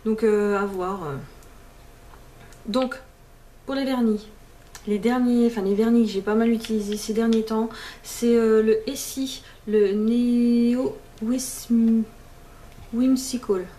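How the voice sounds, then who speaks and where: A woman's voice: on the high side, steady tone, slow, long pauses, mellow. Chatty woman vlogging at home. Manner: chatty, many fillers and restarts, mixes in English words. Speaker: beauty vlogger. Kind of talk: casual chat to camera.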